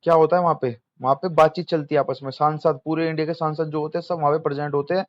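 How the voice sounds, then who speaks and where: A man's voice: on the high side, steady tone, quick pace, dry recording, dull audio. A young man teaching exam material in a casual lecture, chatty, quizzing students and answering himself.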